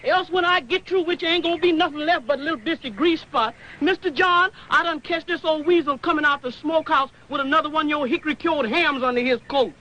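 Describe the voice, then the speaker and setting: An actress playing a bossy but fond housekeeper, talking in a forceful scolding dialect. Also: female voice, high voice, fast talker, hardly any pauses, muffled recording.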